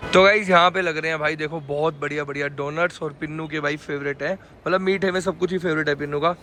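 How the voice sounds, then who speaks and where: A man's voice: on the high side, steady tone, quick pace, sharp tone, soft background music. A man vlogging in casual chat outdoors, teasing and joking with his companion.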